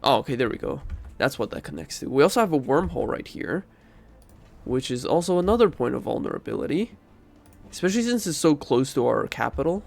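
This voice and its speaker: Thinking aloud as he plays a strategy game, this male game streamer rambles and corrects himself in casual commentary. He has a cold and sounds stuffy-nosed, and his voice is fairly high, expressive, gravelly and darkish, moving a little quickly.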